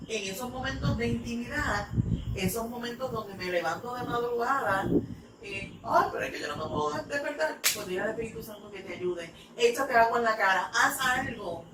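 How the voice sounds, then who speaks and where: A woman's voice: on the high side, moderate pace. A woman from New York, an English teacher, telling stories in a church talk with many fillers. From United States (New York). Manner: rambling, filler-heavy storytelling. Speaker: English teacher, ministry speaker. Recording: echoey room, mic far off, noisy.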